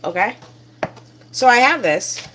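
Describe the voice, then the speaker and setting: Woman, cooking show host, home kitchen, chatty and rambling, a touch high-pitched. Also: lively intonation, slow, a bit bright, slight background noise. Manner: chatty and rambling, many fillers. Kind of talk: casual cooking demonstration.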